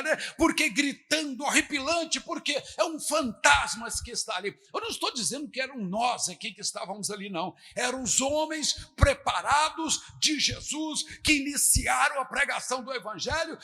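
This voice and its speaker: A Brazilian man preaching a dramatic sermon as pastor, switching between shouted lines and quiet asides. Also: extremely high pitch, breathy edge. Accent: Brazilian Portuguese. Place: church hall. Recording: church hall reverb.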